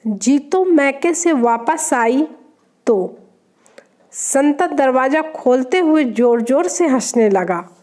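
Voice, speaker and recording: A woman's voice: sits high, expressive, slow, a little mellow. A woman reading short jokes aloud, naming each speaker before their line. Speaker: joke reader.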